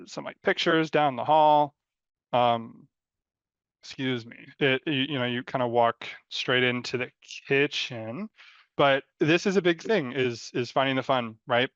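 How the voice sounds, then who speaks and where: Gravelly, rambling man mentor on a dull mic. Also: medium pitch, fairly bright tone, no echo. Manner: rambling, loose delivery with many fillers; good-humored and self-deprecating. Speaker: mentor giving design feedback. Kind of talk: live design critique, casual and unscripted.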